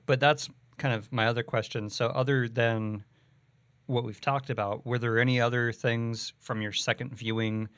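A man's voice: fairly low pitch, a bit bright, no room sound. A man co-hosting a podcast, chatting casually about a movie and thinking aloud with many "like"s and "you know"s. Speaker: podcast co-host.

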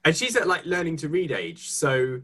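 A man co-hosting a relaxed discussion, responding with short interjections. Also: on the high side, normal speed, breathy edge. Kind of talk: casual theological discussion.

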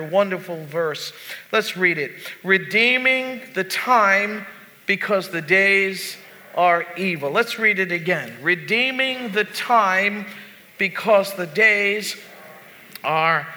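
A male pastor preaching a sermon in a church, swinging between loud exhortation and hushed lows. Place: church sanctuary. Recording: long church reverb.

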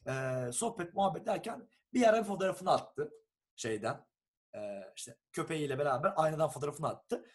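Husky voice, young man from Turkey, animated storyteller, casual chat, acts out texts. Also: a little high, moderate pace.

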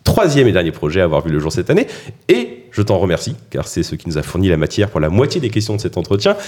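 A man hosting a podcast, reading a scripted introduction of his guests in a brisk manner, with self-mocking asides. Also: low voice, very animated, darkish tone. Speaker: podcast host. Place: studio or room around a table.

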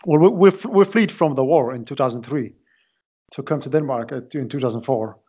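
A man in his late twenties who grew up in Iraq, speaking as a podcast guest. He talks haltingly and repeats words while he looks for the next one. His voice sits at a middle pitch and comes through dull, lo-fi audio. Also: mellow, slightly rough. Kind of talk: casual interview talk.

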